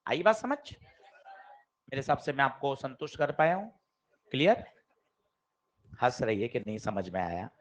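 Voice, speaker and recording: A man teaching a physics class, lively and quizzing his students directly. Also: medium pitch, unhurried, long pauses. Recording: dull lo-fi classroom recording.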